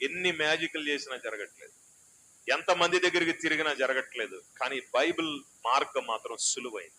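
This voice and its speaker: A pastor preaching a sermon in a small church hall, shifting between loud exhortation and soft, chatty asides. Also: male voice, fairly high pitch, a little fast, a little hiss or hum.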